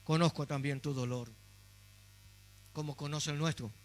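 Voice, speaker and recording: A preacher voicing God, low and hushed. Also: male voice, fairly even intonation, normal speed, lightly acted. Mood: tender. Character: God, tender grieving heavenly father.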